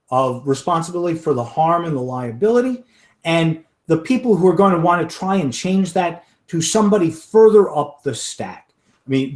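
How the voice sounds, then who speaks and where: A man giving an online talk and then answering audience questions from the chat, with frequent fillers and restarts. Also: on the high side. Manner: halting, many fillers and restarts. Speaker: webinar presenter. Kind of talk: lecture with audience Q&A.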